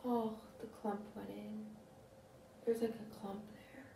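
A young woman vlogging her morning routine at home, soft-spoken and halting, often dropping to a half-whisper. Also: medium pitch, flat delivery, vocal fry, far from the mic, slight background noise. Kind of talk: casual vlog narration. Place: home, bathroom and bedroom. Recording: echoey room at home.

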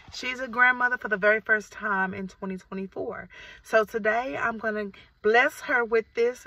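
With no echo but a distant mic, a middle-aged vlogger's medium-pitched voice comes across pushed and bright as she chats in a rambling, casual way. She has a Midwestern American accent and is in a parked car, phone at arm's length, the audio muffled with light car noise.

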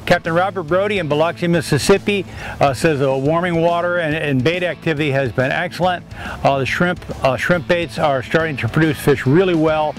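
A man's voice: on the high side, a little fast. Older man giving an outdoor fishing report. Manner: reads a report with frequent uh fillers. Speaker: regional fishing report presenter. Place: outdoors by the water on a porch.

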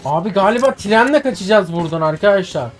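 A man giving live gameplay commentary as a streamer, excitable, swearing and yelling at the action on screen. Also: sits high, fast talker, slight background noise. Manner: excitable, swears and yells at the game. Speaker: gaming streamer.

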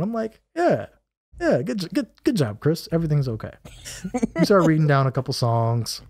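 A man spins a lively, casual story on a podcast. His voice sits at a middle pitch and swings high when he acts out other people's lines or scats a melody. The recording is dry and close. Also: dry recording. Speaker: podcast guest.

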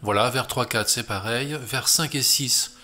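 A man's voice: mid-range voice, unhurried. A man with a French accent teaching a beginner guitar lesson, explaining chords step by step and counting beats aloud.

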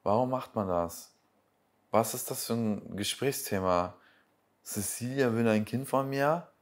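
A man's voice: mid-range voice, a little slow. A man giving casual reaction commentary, sarcastic and exasperated, rambling as he picks apart what he watches.

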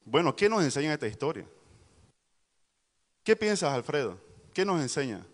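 A man's voice: on the high side, big pitch swings, moderate pace. A man preaching to a youth service, telling a fable and quizzing the congregation. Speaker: pastor. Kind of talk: youth sermon storytelling. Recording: long hall reverb.

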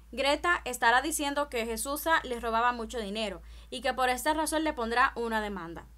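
A woman talks through a soap opera recap, addressing the listener directly in a chatty, informal way. Her voice sits a little high, and she trips over a word now and then. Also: bright, forceful tone. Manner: chatty, speaks directly to the viewer, small verbal stumbles. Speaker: telenovela recap channel host. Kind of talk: spoken telenovela recap.

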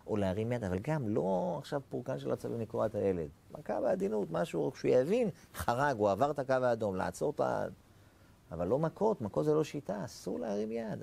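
A man gives a rabbi's Torah lesson in a warm, gravelly voice. His pitch rises and falls widely as he asks rhetorical questions and acts out short dialogues. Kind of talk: Torah lecture.

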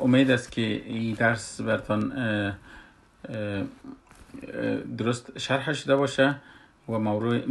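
A man with an Afghan Dari accent teaching Quran recitation rules, speaking slowly with many hesitant fillers and breaking into drawn-out chanted recitation. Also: medium pitch, vocal fry, slight background noise. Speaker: tajweed teacher. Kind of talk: slow explanatory Quran recitation lesson.

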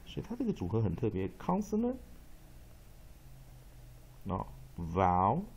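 Slow, gravelly male phonics teacher. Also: fairly low pitch, huge pitch swings, darkish tone, muffled recording, a little hiss or hum. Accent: Taiwanese Mandarin. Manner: drawn-out, repeats letters and rules, frequent "啊" and "哈" fillers. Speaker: English pronunciation teacher. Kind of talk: phonics lesson explaining spelling patterns.

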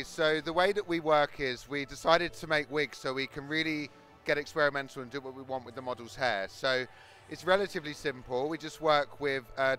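Male hairdresser, South London accent, slightly high voice, explaining technique into a handheld mic, faint music behind. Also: sharp tone. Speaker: hairdresser demonstrating his technique. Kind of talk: explanatory interview and tutorial. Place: large exhibition hall backstage. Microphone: handheld interview microphone.

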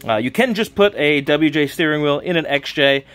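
This car-parts vlog host, a man in his thirties, has a fairly high-pitched voice and speaks at normal speed. He holds the camera at arm's length in his home garage workshop, keeping things casual, upbeat, and excited, chatting and laughing.

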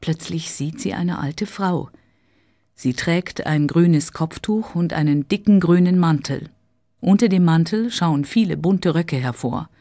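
Woman reading a story real slow and clear, lowish voice, dry close mic. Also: mellow, no room sound. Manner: clear, careful. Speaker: narrator. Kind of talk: slow storybook narration for learners.

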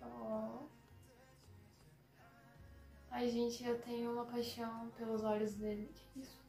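A young woman hosting a casual live reaction, excitable and dramatic, often dropping to soft murmurs. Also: a little high, slow, gravelly. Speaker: reaction video host. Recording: echoey room with faint music.

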